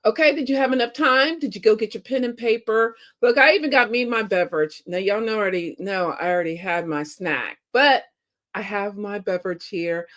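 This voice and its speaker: A woman's voice: mid-range voice, brisk, fairly bright tone. A woman hosting a show, chatting casually and playfully with her viewers, her voice scratchy as she gets over a cold. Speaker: show host. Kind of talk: casual livestream chat to viewers.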